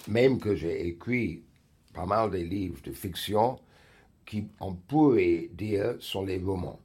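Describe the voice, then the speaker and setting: A writer speaking French with an English accent in an archive radio interview, pausing to search for words. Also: male voice, low voice, a little mellow, slightly rough.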